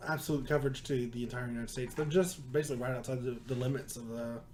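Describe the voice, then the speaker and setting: A man co-hosting a podcast, telling an animated story in casual chat and laughing often. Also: medium pitch, fast. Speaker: podcast co-host.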